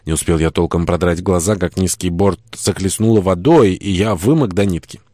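A man narrating a first-person audiobook in a wry, expressive storytelling manner. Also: deep voice, a little fast, no echo, studio quality.

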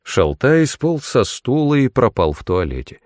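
A man narrating a fantasy audiobook in the first person, with expressive, dramatic storytelling. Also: medium pitch, a little slow, dry recording, studio quality.

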